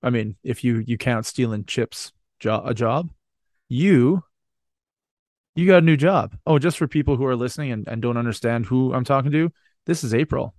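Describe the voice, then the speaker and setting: A podcast host with a medium-pitched, darkish voice chats casually at normal speed, joking, rambling and swearing freely in bantering talk. The sound is clean studio audio with no room sound.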